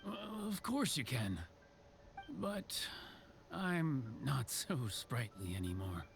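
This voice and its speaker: An actor voicing a wry, tired old carpenter in a game. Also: male voice, mid-range voice, big pitch swings, slow pace, gravelly, faint music behind, full character voice. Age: older.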